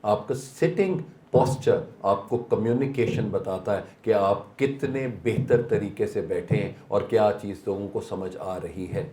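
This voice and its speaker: Low, mellow-voiced man lecturing. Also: hardly any pauses. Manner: mixes English phrases into Urdu, asks rhetorical questions. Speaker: seminar speaker. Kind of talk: motivational seminar talk. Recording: echoey hall.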